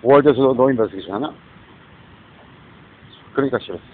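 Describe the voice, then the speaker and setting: A man's voice: medium pitch, fast talker. A man from South Korea delivering a disjointed, repetitive rambling rant as a vlogger. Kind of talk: rambling spoken monologue. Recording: tinny phone-like recording with faint noise.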